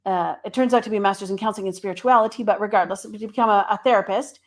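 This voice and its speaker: A woman's voice: mid-range voice, steady tone, rapid-fire. A middle-aged woman speaking as an interview guest and therapist, explaining things in a casual, conversational way. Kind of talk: casual interview, telling a career story.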